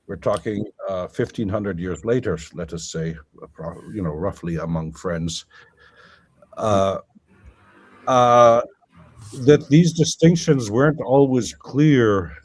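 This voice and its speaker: Low-voiced man lecturing with restarts. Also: takes it slowly, breathy edge. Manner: lecturing, thinking aloud with many fillers and restarts. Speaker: guest scholar. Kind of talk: academic conversation.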